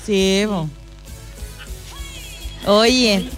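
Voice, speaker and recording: A woman's voice: medium pitch, drawn-out words. A Chilean woman hosting live radio with announcements and casual chat, in a playful, teasing, colloquial way. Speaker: radio host. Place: radio studio. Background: loud music.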